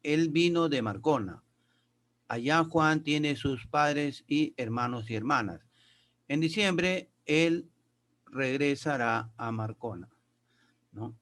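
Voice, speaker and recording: A male teacher with a slightly raised voice walks his pupils through grammar and pronunciation one step at a time. He reads English sentences aloud slowly and deliberately. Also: fairly high pitch, a bit bright. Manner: explains step by step, addresses pupils as kids. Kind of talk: classroom lesson.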